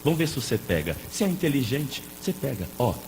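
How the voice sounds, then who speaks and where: A man preaching a lively sermon as a pastor, playful and joking with the congregation. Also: mid-range voice, quick pace, gravelly. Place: church hall. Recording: echoey hall with faint noise.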